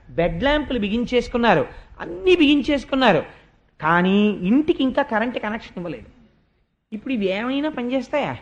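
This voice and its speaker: An older man with a Telugu accent delivers a devotional discourse in a storytelling way. He acts out the voices of characters and keeps asking the listeners questions. The sound is somewhat dull and lo-fi. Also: extremely high pitch. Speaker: religious discourse speaker. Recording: dull lo-fi lecture recording.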